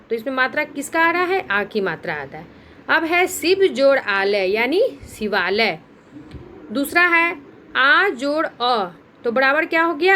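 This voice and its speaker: High-pitched woman teacher, Bihari Hindi accent, patient step-by-step lesson delivery, faint background hiss. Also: bright, forceful tone. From India. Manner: patient step-by-step explaining, asks and answers own questions. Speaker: school teacher. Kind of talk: recorded Hindi grammar lesson.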